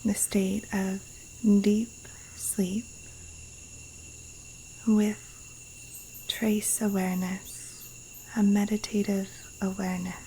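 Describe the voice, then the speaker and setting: This guided yoga nidra meditation comes from a woman recorded outdoors in the Costa Rican jungle. Her delivery is flat and medium-pitched, hushed and breathy, soothing, and broken by long pauses. The audio is poor, with faint crickets, insects and rainforest wildlife in the background.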